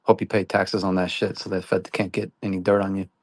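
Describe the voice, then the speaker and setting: A man's voice: sits low, flat delivery, brisk. A man chatting casually in a joking, sardonic way. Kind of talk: casual chat.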